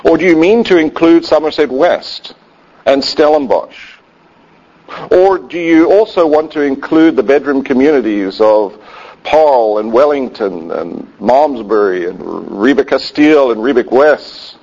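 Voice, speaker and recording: A man's voice: mid-range voice, measured pace, darkish tone. A man preaching a sermon in a conversational way with wry asides. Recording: dull lo-fi sound.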